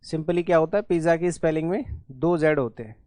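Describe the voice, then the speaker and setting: A man with a somewhat high voice runs an exam-prep English lesson, explaining spellings in Hindi with English words mixed in. He keeps checking in with his students as he goes. The sound is dry and close, with no room echo. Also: a little fast, mellow. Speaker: English teacher.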